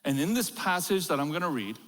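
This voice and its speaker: A middle-aged pastor, born in Korea and raised in America, delivers a sermon packed with humorous stories, chuckling at his own jokes. His voice is on the high side, expressive, brisk and fairly bright, and the large church auditorium gives it the long reverb of a big hall.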